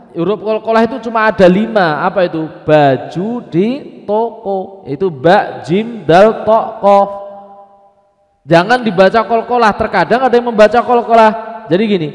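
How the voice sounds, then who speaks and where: Male recitation teacher, high voice, measured delivery, reverberant mosque hall. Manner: drawn-out chanted recitation examples between quick explanations. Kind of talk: mosque study class lesson.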